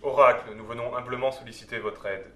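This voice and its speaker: A man's voice: medium pitch, fairly even intonation, fast talker, a bit bright, natural voice. A man playing a determined rebel petitioner in an audio drama, speaking formally and earnestly. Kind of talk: French audio drama acting. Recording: echoey room, faint background noise.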